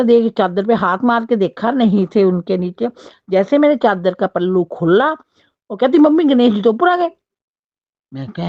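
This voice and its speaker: A woman's voice: mid-range voice, no echo. Older woman, rambling storyteller, dull lo-fi sound. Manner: rambling, repetitive, acts out quoted dialogue. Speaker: devotee sharing a personal experience. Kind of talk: casual spoken storytelling.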